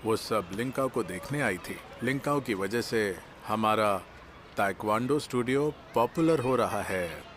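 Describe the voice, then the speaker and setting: A man's voice: lowish voice, lively intonation, unhurried, a bit bright, slight background noise. A middle-aged man voicing a teasing, easygoing taekwondo studio owner in a drama dub.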